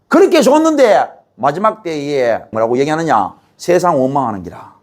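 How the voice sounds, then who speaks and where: Impassioned Gyeongsang Korean pastor preaching. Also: male voice, big pitch swings, moderate pace. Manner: emotional preaching that swings between loud outbursts and quiet, low passages. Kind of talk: sermon. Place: church sanctuary.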